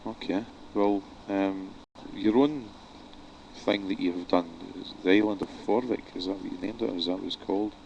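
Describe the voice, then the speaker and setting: A man's voice: low-pitched, normal speed, vocal fry, darkish tone, dull audio, a little hiss or hum. A man hosting a radio interview, asking blunt questions. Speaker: radio host.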